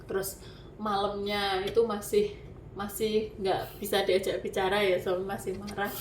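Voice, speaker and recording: A woman's voice: mid-range voice, flat delivery, normal speed, a little hiss or hum. A woman earnestly telling a personal story in a casual way. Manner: emotional, earnest. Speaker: wife telling her story. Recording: roomy, somewhat distant mic.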